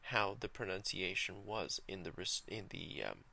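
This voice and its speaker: Gravelly low-voiced man teaching Latin. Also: sharp tone. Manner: measured, careful, slows to spell out Latin words. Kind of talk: explanatory video lesson.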